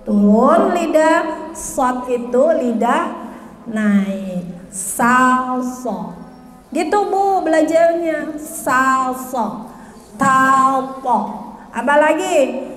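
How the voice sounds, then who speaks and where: A woman teaching Quranic letter pronunciation, patiently drilling her students and chanting verses slowly. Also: high voice. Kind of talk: tajwid pronunciation lesson. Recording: roomy hall reverb.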